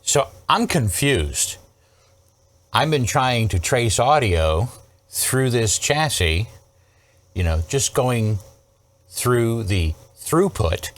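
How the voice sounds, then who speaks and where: Pausing often and speaking slowly, this man hosts an electronics repair video, with his medium-pitched voice swinging widely in pitch. His casual, hands-on troubleshooting talk is emphatic and full of rhetorical questions and frequent check-ins.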